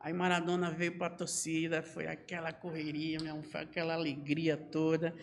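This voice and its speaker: A man's voice: on the high side, normal speed, vocal fry, in a large hall. A man, a podcast guest telling stories with energy and acting out other people's lines. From Northeast Brazil. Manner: lively storyteller who acts out other people's lines. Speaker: podcast guest, former footballer. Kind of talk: animated storytelling interview.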